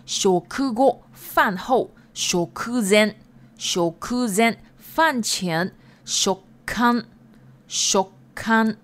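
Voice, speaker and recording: A woman teaching Japanese vocabulary on a podcast, patiently repeating each word slowly and filling pauses with little prompts. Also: a little high. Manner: patient, repeats words slowly, many fillers.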